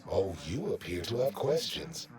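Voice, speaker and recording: Unctuous, animated wellness attendant. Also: male voice, fairly low pitch, normal speed, over a noisy crowd. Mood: smug, polite. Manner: formal, pompous, over-polite. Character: unctuous, officious male wellness centre attendant. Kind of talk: scripted game dialogue.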